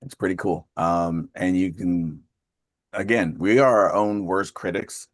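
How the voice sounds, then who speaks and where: A man hosting a group video call, talking fast in a casual way and laughing often. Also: sits low, fairly even intonation, dry recording, clean studio sound. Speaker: call host.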